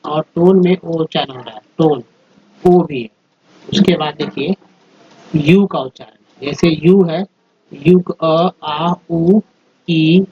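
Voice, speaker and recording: A man teaching English pronunciation, spelling out words letter by letter and repeating each sound slowly. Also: a little high, a little mellow, slightly rough. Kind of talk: slow explanatory lesson. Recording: dull lo-fi recording with faint noise.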